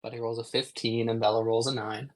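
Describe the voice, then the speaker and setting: A man acting as game master, describing scenes at an unhurried pace with pauses and ums on a live stream. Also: medium pitch, flat delivery, low-quality recording.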